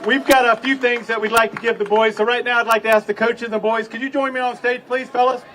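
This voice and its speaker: A man's voice: very high-pitched, flat delivery, fast, sharp tone. A man speaking as city manager at a public ceremony on an outdoor stage, with an informal, folksy address. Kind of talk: public event speech to a crowd. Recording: distant outdoor PA with crowd and noise.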